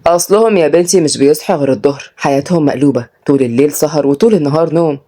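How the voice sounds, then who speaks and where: A woman's voice: low voice, very fast, dark tone. A woman voicing a commanding older father who is a judge, with an Egyptian Arabic accent. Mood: kindly. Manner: commanding, gruff.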